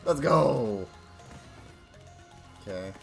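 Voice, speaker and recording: A young man casually commenting while he plays a video game, swinging between loud excited yelps and low frustrated muttering. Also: very slow, gravelly, faint music behind. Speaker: gaming channel host. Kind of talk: live let's-play commentary.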